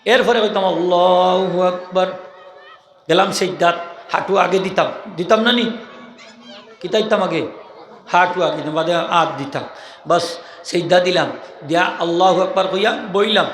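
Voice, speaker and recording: A man's voice: sits high, moderate pace, long pauses, slight background noise. A man preaching a sermon to a live gathering in a Sylheti accent, often firing questions at the crowd and having them answer back. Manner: animated, questions the crowd and drills call-and-response. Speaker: Islamic preacher. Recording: echoey hall with faint ambience.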